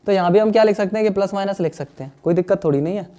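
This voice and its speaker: Chatty young man teaching maths, bright-pitched. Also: very fast. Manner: chatty, addresses students as "dear friends", asks "understood or not?". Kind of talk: classroom lesson explaining solutions.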